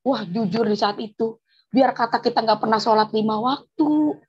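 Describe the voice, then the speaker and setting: A woman telling her personal religious testimony in an animated, emotional way, on a dull lo-fi recording. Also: a little high, moderate pace, breathy edge. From Indonesia. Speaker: testimony giver.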